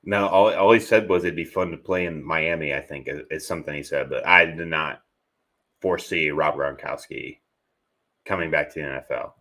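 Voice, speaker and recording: Deep, bright-toned man thinking aloud. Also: normal speed. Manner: rambling, with repeated restarts and um's. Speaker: podcast co-host. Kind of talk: casual live Q&A chat.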